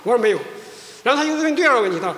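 A male pastor, sharing an animated personal testimony in a sermon, often restarting his sentences. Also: very high-pitched, rapid-fire, a little hiss or hum. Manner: animated storytelling, frequent restarts. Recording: echoey church hall.

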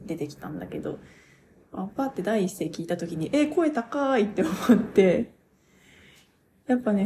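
A young woman talking casually on her own radio show, reviewing a stage play as an excited, gushing fan who laughs often. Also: on the low side, slight background noise. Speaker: podcaster.

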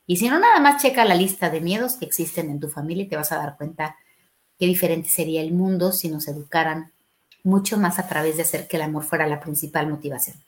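A middle-aged woman, a family therapist on a podcast, explains parenting advice quickly in a voice that sits low. She acts out the questions parents and children might ask, switching to a raised voice for them.

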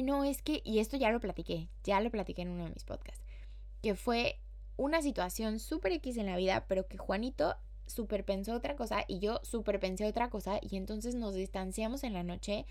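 A podcast host with a Mexican Spanish accent talks in a chatty, slangy, casual way, throwing in playful acted-out quotes. Her voice is medium-pitched with a darkish tone, at a normal speed.

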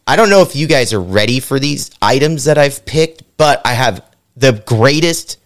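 A man's voice: mid-range voice, animated, normal speed. Joking man hosting a mock game show. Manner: loose, joking, swears freely. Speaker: host.

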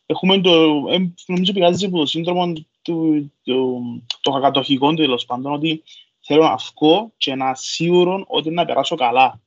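A man speaks in a somewhat high voice with a Cypriot Greek accent. He talks in a loose, colloquial podcast style, leaning on repeated filler phrases. The recording is a little muffled. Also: steady tone. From Cyprus. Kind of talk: casual podcast conversation.

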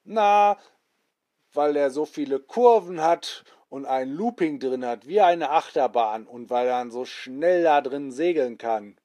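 Man doing a goofy uncle who makes stuff up, bedtime story voice, slow. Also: fairly high pitch, expressive, mellow. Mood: cheerful. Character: silly fibbing grown-up uncle, Onkel Quatsch.

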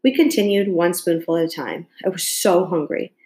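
A woman reading a novel aloud as an audiobook, narrating calmly in the first person. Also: on the low side, moderate pace. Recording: echoey room.

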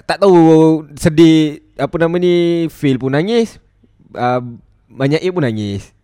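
A young man with a Malaysian Malay accent, hosting a casual podcast chat with quick, teasing banter. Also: on the high side, animated, mellow, no echo, studio quality.

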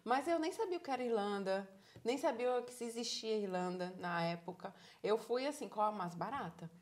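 A woman in her thirties with a Bahian Brazilian accent, telling her story in a casual interview in a lively, encouraging way. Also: medium pitch, normal speed. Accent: Bahian Brazilian Portuguese. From Salvador, Bahia, Brazil. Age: 30s. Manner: animated storyteller, acts out quoted dialogue, encouraging. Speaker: interviewee, psychologist living abroad.

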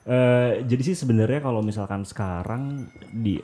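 A man's voice: medium pitch, moderate pace, a loud crowd. A man explaining things as a podcast guest in an informal, hesitant way, searching for words as he goes. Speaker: podcast guest, youth health educator. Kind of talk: casual explanatory interview talk.

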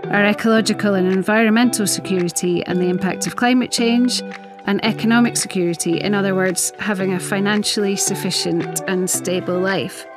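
A woman hosting a podcast, speaking in a measured, earnest way as she introduces guests and asks questions, with occasional self-corrections. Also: medium pitch, fairly even intonation, over music. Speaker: podcast host. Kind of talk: scripted podcast introduction and interviewing.

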